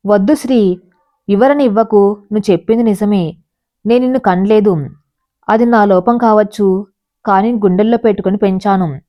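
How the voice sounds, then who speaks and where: A woman reading as a hurt, gentle stepmother. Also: medium pitch, moderate pace, long pauses, lo-fi sound, lightly acted.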